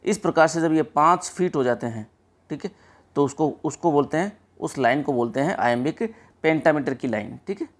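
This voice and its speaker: A man's voice: a little high, normal speed. Man explaining a lesson step by step. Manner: explains step by step, often saying "ठीक है" and addressing friends; mixes English terms into Hindi explanation. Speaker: exam prep teacher.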